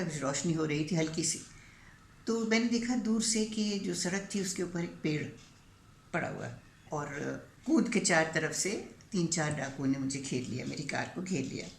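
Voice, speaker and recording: Older woman telling a story, low voice. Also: gravelly. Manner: measured, dramatic, with drawn-out pauses. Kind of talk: first-person storytelling narration. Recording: roomy echo, faint background hiss.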